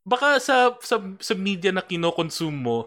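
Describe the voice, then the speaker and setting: A man's voice: sits high, sing-song, a bit bright. A man with a Filipino accent co-hosting a casual podcast, explaining emphatically and mixing Tagalog and English. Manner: emphatic, quick to object, mixes Tagalog and English. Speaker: podcast co-host.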